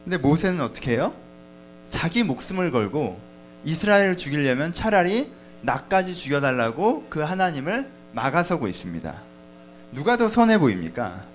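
A man's voice: fairly high pitch, big pitch swings, moderate pace, a little hiss or hum, low-quality recording. A man preaching a sermon as pastor, talking conversationally and asking the congregation questions.

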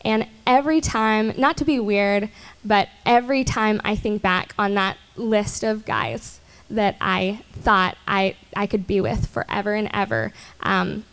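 A young woman in her twenties speaking on a church stage panel, chatty and earnest with many ums and soft laughs, into a handheld mic. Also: mid-range voice, fairly even intonation, unhurried, clean tone. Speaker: panel guest.

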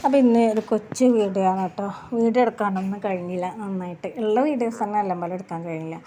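A woman's voice: mid-range voice, rapid-fire, mellow. A woman, chatting tiredly and plaintively to her subscribers about running her shop with her kids. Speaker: vlogger who runs a small tea shop. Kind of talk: casual vlog talk to subscribers. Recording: noisy background with traffic.

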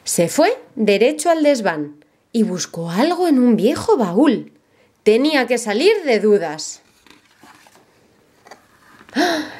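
A woman reading a children's story aloud as storyteller, in an expressive storytelling manner. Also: fairly high pitch.

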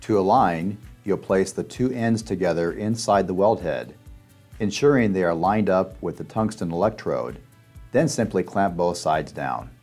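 Male voice-over, very low pitch, steady instructional read, faint music behind. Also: unhurried. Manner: steady instructional step-by-step delivery. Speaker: narrator of a demonstration video. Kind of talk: scripted narration.

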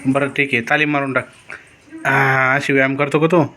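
A man's voice: mid-range voice, level tone, fairly quick, pushed and bright, soft background music. A man at home filming a small child, playfully coaxing with repeated questions. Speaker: parent filming a toddler.

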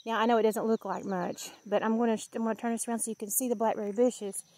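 A woman's voice: fairly high pitch, level tone, fast, mellow, no room sound. Woman, fifties, homey chatty vlog, outdoors, dry close sound, crickets behind. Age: 50s. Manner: chatty and homey, with frequent laughs and fillers. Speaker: vlogger. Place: outdoors at a blackberry patch.

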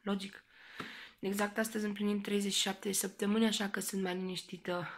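A woman with a slightly creaky chatty vlogger voice. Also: medium pitch, little pitch movement. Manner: chatty, candid, talks straight to viewers. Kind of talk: casual vlog to camera.

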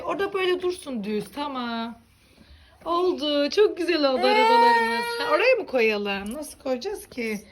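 A high-pitched woman hosts a children's toy channel, counting out loud and fretting a little as the toy cars keep tipping over. She narrates toy play for kids over heavy background noise.

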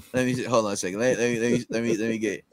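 This fairly high-voiced middle-aged man is a rapper guesting on a relaxed video-call interview, heard over a headset in a dry recording. His delivery is animated and filler-heavy, breaking into energetic bursts as he recites rap lyrics.

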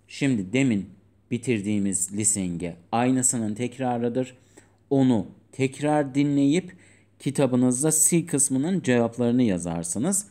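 A man teaching an English lesson on video, with a dark, mellow tone. He reads English sentences slowly in a British-style pronunciation and patiently explains each one to young pupils. His delivery stays steady and explanatory. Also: medium pitch.

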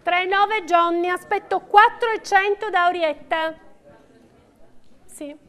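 A woman's voice: very high-pitched, measured pace, a bit bright. A middle-aged woman working as an auctioneer, calling bids in short, repeated phrases of prices and names. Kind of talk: auction bidding calls.

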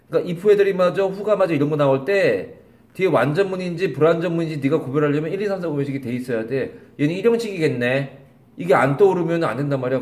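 A man's voice: a little high, darkish tone. A man teaching an English grammar lesson to a class, calling on students by name, repeating questions and scolding them. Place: small classroom.

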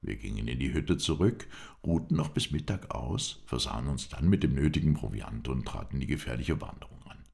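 A man reading an adventure novel aloud as an audiobook in an even storytelling manner. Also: a bass voice, fairly quick, vocal fry, few pauses. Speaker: audiobook reader.

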